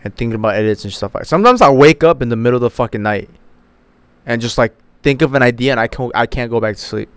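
A man's voice: mid-range voice, expressive, fast, clean tone, no echo. Young male podcast host, early twenties, loose and profane, resonant voice, dry close sound. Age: 20s. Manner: rambling, profane, many fillers. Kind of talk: casual solo chat.

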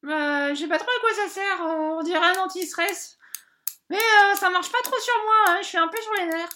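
Brief: a woman playing a hapless female bank adviser, very high bright voice, rambling and hesitant. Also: moderate pace, slight background noise. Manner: rambling, hesitant, full of filler sounds. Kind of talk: comic character monologue.

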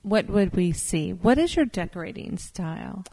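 A woman hosting an interview, asking friendly questions in a measured way. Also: mid-range voice, expressive, gravelly, warm tone. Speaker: interview host. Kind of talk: casual interview chat.

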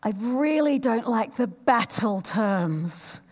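A woman's voice: fairly high pitch, expressive, slow pace, darkish tone. A woman in her fifties from New Zealand, giving a frank, playful personal storytelling talk on stage and joking with a live audience. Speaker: speaker at a live event.

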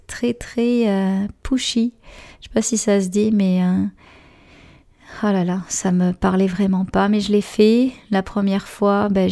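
A woman with a Quebec French accent and a hoarse, raspy, gravelly voice, hosting a podcast casually and reflectively, searching for her words. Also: medium pitch, dark tone. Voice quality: raspy, gravelly voice recovering from voice loss. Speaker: podcast host and meditation teacher.

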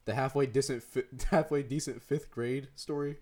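In a darkish, mid-range voice with fairly even intonation and normal speed, a teenage boy co-hosting a podcast tells meandering stories. The talk is casual, peppered with laughter and plenty of "dude."

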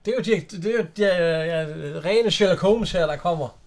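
A man's voice: high-pitched, darkish tone. A man with a Danish accent casually retelling a film in conversation, hesitating and searching for words.

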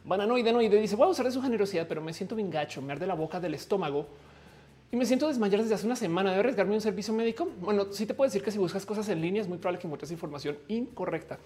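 A fast-talking Mexican woman hosting her own live stream. Her talk is casual and joking, full of fillers and false starts, at a middle pitch. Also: expressive, dark tone. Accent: Mexican Spanish. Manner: chatty, joking, many fillers and restarts. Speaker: livestream host.

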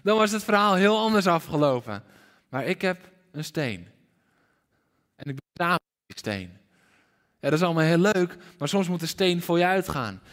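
A man preaching a sermon to a congregation in a hall, animated and questioning his listeners directly. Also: a little high, normal speed. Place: church hall with congregation and livestream. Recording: reverberant hall.

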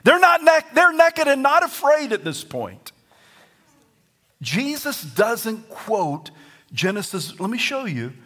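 A pastor with a Southern US accent preaches a lively sermon in an extremely high-pitched voice at a slow pace, at times rising to near-shouts and breaking into song.

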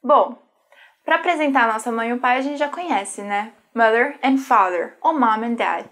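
A woman's voice: fairly high pitch, moderate pace, fairly bright tone. A woman from Brazil hosting an English lesson channel, chatty and upbeat, introducing the lesson and a guest teacher. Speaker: channel host. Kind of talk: casual video lesson.

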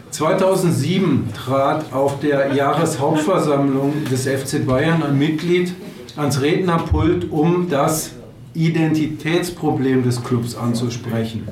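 A man reads from his own book at a bar event, his mid-pitched voice stumbling now and then over fillers and restarts. The mic sits some way off, so the sound is echoey. Faint room ambience hangs behind him. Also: darkish tone, distant mic, slight background noise. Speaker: author giving a reading. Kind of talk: book reading with asides.

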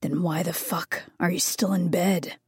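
A woman voicing a controlling, menacing adult male husband who speaks low and quietly with a threatening edge. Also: normal speed, no echo, clean studio sound.

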